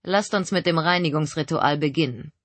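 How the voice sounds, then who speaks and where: Female reader as a husky-voiced cult leader man, slow, smug, coldly menacing, dry close audiobook sound. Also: low voice, dry recording. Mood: pleased. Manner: smooth, measured, condescending.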